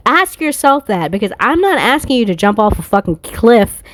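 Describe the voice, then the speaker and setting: A woman with a slightly high, sing-song, somewhat bright voice speaks at a moderate pace. She's a tarot reader and spiritual content creator giving a casual card reading, blunt and confrontational, swearing freely.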